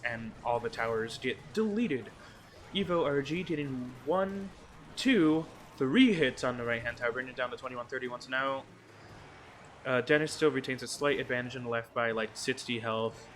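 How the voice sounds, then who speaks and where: A man giving quick, excitable play-by-play commentary on an esports match, with jokey asides. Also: mid-range voice, slight background noise. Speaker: esports caster.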